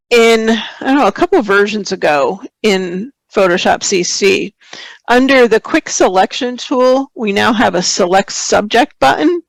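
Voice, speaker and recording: A slightly hoarse, mid-range voice belongs to a woman hosting a photography webinar, a screen-share software tutorial, who clears her throat from time to time. She explains in a relaxed way as she works and reads out viewer questions. There's no room sound, but the audio quality is poor.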